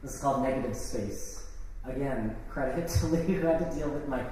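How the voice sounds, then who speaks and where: A man with a darkish, mid-range voice and a moderate pace reads his own poems live at an art gallery event, adding casual introductions between them. A distant microphone picks him up in an echoey, noisy hall.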